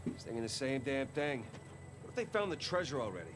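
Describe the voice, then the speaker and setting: A man's voice: medium pitch, big pitch swings, brisk, noisy background, lightly acted. A man playing a wry ex-con treasure hunter. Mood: tense. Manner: joking, easygoing. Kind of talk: video game dialogue.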